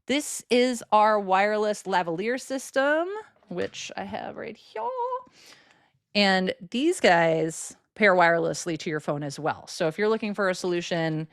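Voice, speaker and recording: A woman's voice: medium pitch, animated, measured pace, dry recording, clean studio sound. A woman co-hosting a live selling stream who demos microphones in an upbeat, chatty way. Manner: upbeat, salesy, laughs often. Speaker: co-host demoing microphones.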